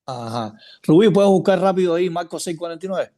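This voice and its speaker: In a relaxed Bible study, the teacher talks fairly quickly in a high-pitched, expressive voice with a dark tone. He chats with his class, questions students and checks in with them by name, and often repeats himself.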